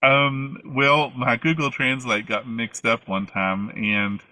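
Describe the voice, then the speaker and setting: A man's voice: medium pitch, flat delivery, takes it slowly, sharp tone, no echo, low-quality recording. An American man with an Appalachian accent, answering interview questions in a casual, rambling and somewhat hesitant way. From United States. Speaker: interview guest, former flight attendant. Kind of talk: casual conversational storytelling.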